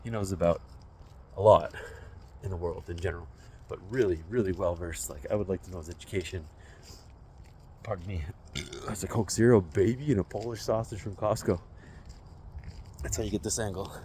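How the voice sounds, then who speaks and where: A man's voice: low-pitched, normal speed, pauses often, mellow, slight background noise. A man in his forties talks to a phone on a selfie stick while walking outdoors through a residential neighborhood, musing in a rambling, self-deprecating way. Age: 40s. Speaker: vlogger. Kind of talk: casual walking vlog.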